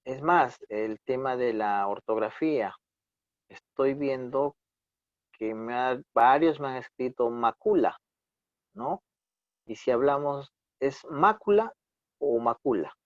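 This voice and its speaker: A man's voice: medium pitch, lively intonation, takes it slowly, pauses often, no echo. Man teaching over a dull video call. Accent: Peruvian Spanish. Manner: corrective, patient, repeats "¿no?" often. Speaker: instructor. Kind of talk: online class lecture. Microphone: computer mic on a video call.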